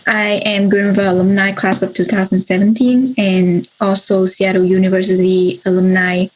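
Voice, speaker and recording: A woman's voice: mid-range voice, level tone, normal speed, rough recording. A young woman from Vietnam, a recent graduate, introducing herself politely and cheerfully on a video call. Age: young adult. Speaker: alumna, panelist.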